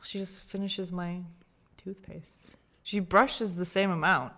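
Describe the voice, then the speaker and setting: A woman's voice: on the low side, fairly even intonation, slow, fairly bright tone. A woman with a stutter co-hosting a podcast in casual, swearing banter. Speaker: podcast co-host. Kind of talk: casual chat.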